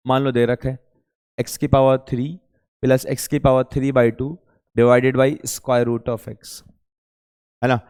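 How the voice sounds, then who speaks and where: A man with a slightly high, slightly mellow, smooth voice coaches students in maths for an entrance exam. Speaking informally and directly to them, he poses questions aloud and answers them himself in a reverberant coaching classroom.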